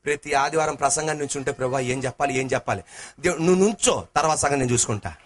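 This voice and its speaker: A fast-talking male pastor preaches, shifting between shouted sing-song phrases and lower speech and inviting his congregation to answer back.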